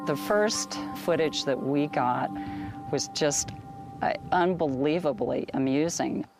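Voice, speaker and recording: A woman's voice: deep voice, slow pace, over loud music. A woman explaining her wildlife research in an unscripted documentary interview.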